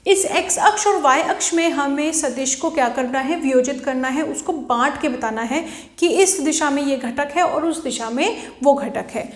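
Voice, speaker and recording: A woman's voice: high-pitched, moderate pace, few pauses, reverberant. A woman teaching a physics video lecture, asking questions and answering them herself. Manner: asks and answers own questions.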